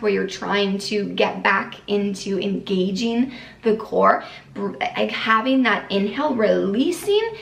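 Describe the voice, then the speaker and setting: Upbeat woman fitness instructor, a little gravelly, recorded a step off the mic. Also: mid-range voice, roomy sound, distant mic. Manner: upbeat, guiding breaths step by step. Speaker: postnatal fitness coach. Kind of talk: instructional fitness tips to camera.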